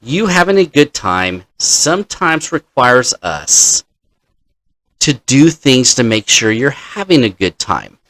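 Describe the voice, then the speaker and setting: Acting as dungeon master, a man casually recounts a story from his game session, speaking in a halting, deliberate way. His voice is medium in pitch, somewhat bright, with a sing-song quality.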